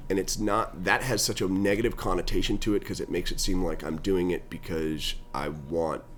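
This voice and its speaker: Man, low voice, middle-aged, lively storyteller, faint background hiss. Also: normal speed. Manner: animated storyteller, pitch climbs when excited. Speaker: guest, nonprofit founder. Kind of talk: conversational interview storytelling.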